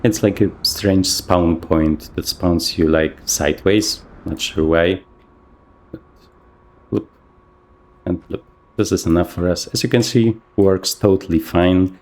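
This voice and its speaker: A man casually talking through a flight simulator session, thinking aloud with plenty of fillers, his voice a little rough from the morning. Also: sits low, fairly even intonation, slow, darkish tone. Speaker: flight sim video host. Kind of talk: casual gameplay commentary.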